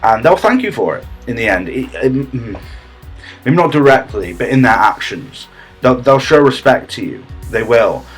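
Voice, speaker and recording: A man giving a deadpan parody comedy tutorial, smug and rambling, with halting restarts and a husky voice. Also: mid-range voice, soft background music.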